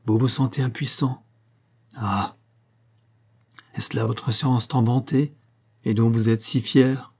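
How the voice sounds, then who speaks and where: A man's voice: medium pitch, fairly even intonation, slow pace, pauses often, darkish tone, breathy edge. A man voicing a passionate, desperate young Frenchman in an audiobook, with impassioned, pleading declamation. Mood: bitter. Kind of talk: audiobook character voice.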